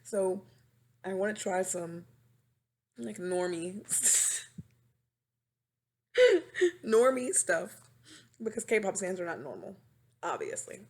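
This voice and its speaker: A woman's voice: fairly low pitch, slow pace, long pauses. A woman in her twenties hosting her own casual podcast, rambling and dramatic, recorded on a webcam microphone at home. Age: 20s. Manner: animated, rambling, dramatic and self-mocking. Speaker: podcast host. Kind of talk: casual chat.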